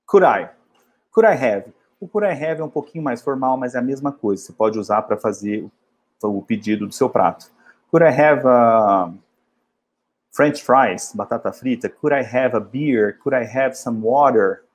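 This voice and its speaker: A man from Brazil, teaching travel English in a casual way and repeating model phrases slowly. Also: mid-range voice, slightly rough. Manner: slow, drilled model phrases in English between casual explanations.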